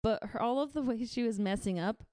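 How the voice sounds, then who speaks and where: A woman's voice: a little high, fairly quick, mellow, no room sound. A young woman co-hosting a casual chat, talking with lots of fillers and frequent laughter. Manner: chatty, laughs often, many "like" fillers. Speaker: podcast co-host. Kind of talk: casual chat reviewing a TV episode.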